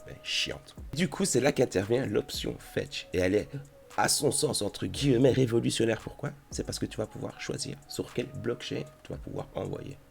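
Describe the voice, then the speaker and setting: Gravelly, chatty crypto YouTuber. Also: male voice, sits low, a bit bright. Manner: chatty, addresses viewer familiarly. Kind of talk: casual tutorial commentary.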